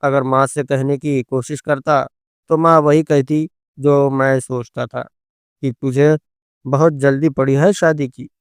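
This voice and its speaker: Smooth-voiced male storyteller. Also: mid-range voice, steady tone, measured pace, no echo, clean studio sound. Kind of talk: scripted first-person story narration.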